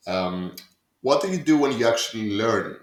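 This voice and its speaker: A man moderating a casual discussion, putting questions in a halting way and often correcting himself, with echoey room sound. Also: fairly low pitch, animated.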